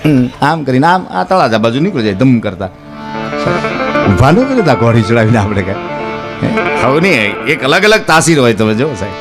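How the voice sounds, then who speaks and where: A male folk storyteller performs on a live stage and keeps switching into the voices of the people in his tales. He speaks at a middle pitch. Plucked strings play clearly behind him. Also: moderate pace. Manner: animated, acts out characters, addresses listeners as "sir". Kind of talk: Gujarati dayro storytelling to a live audience. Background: plucked string music.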